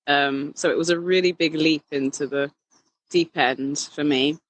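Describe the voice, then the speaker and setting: A woman drag king performer chatting casually in an interview, animated and quick to laugh, often restarting her sentences. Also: deep voice, no room sound, low-quality recording.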